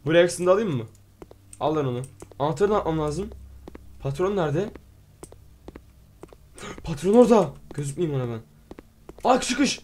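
Man, gaming host, let's play commentary; excitable, slightly higher voice, reads on-screen text aloud. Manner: excitable, exclaims and playfully swears at the game.

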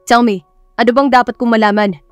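A woman's voice: fairly high pitch, a little fast, a little mellow, no echo, soft background music, natural voice. A woman voicing a curt, short-tempered young rich man in an audio story. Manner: curt, irritated, mixes English phrases.

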